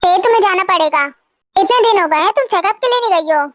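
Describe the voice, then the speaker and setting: A woman's voice: very high voice, expressive, fast talker, no echo, studio quality. A young woman voicing a caring, worried mother who coaxes and soothes, in a storybook reading. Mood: coaxing. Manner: soothing, coaxing. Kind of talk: storybook voice acting. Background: faint background music.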